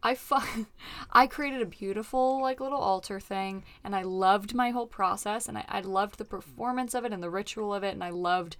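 A woman's voice: mid-range voice, moderate pace, fairly bright tone. A woman comedian hosting a casual chat show, talking in a slangy, exclamatory way with plenty of swearing. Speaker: podcast host, comedian.

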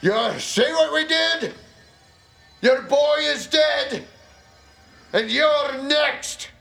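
A man voicing Mora, a defiant fighter taunting an enemy, in a slow, drawn-out delivery that rises to shouts during a tabletop game. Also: extremely high pitch, vocal fry, echoey room, soft background music, voice pushed up, exaggerated voice. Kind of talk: tabletop role-play voice.

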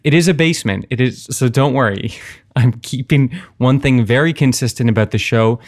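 A man's voice: mid-range voice, normal speed. A man hosting a podcast in a playful, wry, self-interrupting way, mixing a scripted comedic intro with chatty asides. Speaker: podcast host. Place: basement away from usual home setup.

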